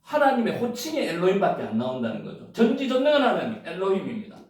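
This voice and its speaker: A man's voice: high voice, wildly swooping pitch, quick pace, a little mellow. A man teaching Bible Hebrew in a playful classroom lecture, repeating words and sometimes chanting them. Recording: echoey room, mic far off.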